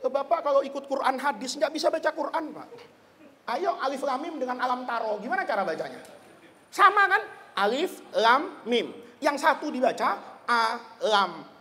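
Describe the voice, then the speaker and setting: A man preaching a lively religious lecture, joking and asking the audience questions. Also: very high-pitched, fast. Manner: animated, jokey, asks the audience questions. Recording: long hall reverb.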